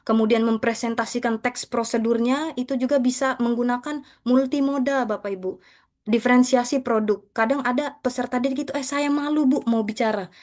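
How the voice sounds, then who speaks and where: With a fairly high, slightly mellow voice, a woman acting as a teacher explains material to other educators. Her delivery is a conversational, respectful presentation in which she keeps addressing listeners with respectful terms.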